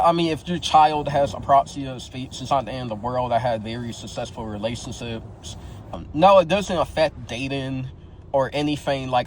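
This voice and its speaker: A man's voice: mid-range voice, slight background noise, rough recording. A man in his twenties with a slight lisp, talking casually and candidly to his viewers in a slangy way. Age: 20s. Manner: slangy and candid, tags phrases with "bro" and "yo", many restarts. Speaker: vlogger sharing his experience. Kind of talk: casual talk to camera.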